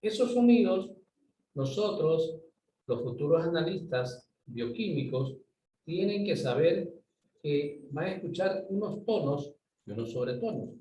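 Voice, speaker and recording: A man's voice: fairly high pitch, lively intonation, unhurried, warm tone. A man giving an online university lecture, explaining step by step and often checking that students follow. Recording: roomy, distant mic, faint ambient noise.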